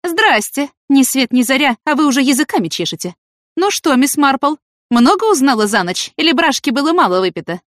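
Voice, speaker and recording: A woman's voice: high voice, animated, brisk, no room sound, studio quality, pitched above the performer's own voice. A woman voicing a stern, harsh female farm manager who scolds sharply. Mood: scolding.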